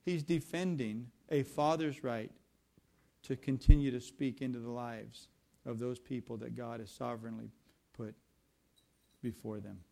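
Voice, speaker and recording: A man preaching a sermon, shifting between scripture and lively storytelling. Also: mid-range voice. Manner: animated storytelling with conversational asides. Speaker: pastor.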